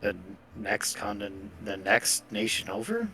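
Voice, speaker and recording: A man running a tabletop game as game master over voice chat, talking in a relaxed, conversational way with quick asides. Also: fairly low pitch.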